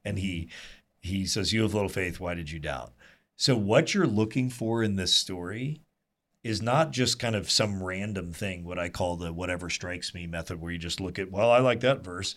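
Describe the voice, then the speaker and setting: A man leading a small group Bible study, telling the story earnestly and lively with asides to the group. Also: deep voice, normal speed. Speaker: Bible teacher.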